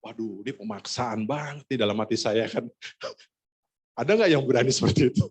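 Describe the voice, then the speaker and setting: A male pastor telling a personal story in a sermon, animated and self-mocking, acting out the dialogue. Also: mid-range voice, moderate pace, husky. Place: church service.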